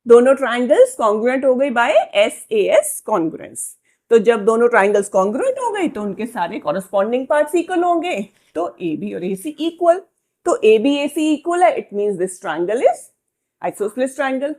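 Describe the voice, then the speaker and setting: A woman teaching geometry in a fairly high, clear voice. She moves slowly and deliberately, spelling out each step of a proof. She often pauses to ask whether her students have understood. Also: very animated, darkish tone. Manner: slow, dictating proof steps word by word, often checking "ठीक है?". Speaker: maths teacher. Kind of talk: Hindi-English maths lesson at a whiteboard.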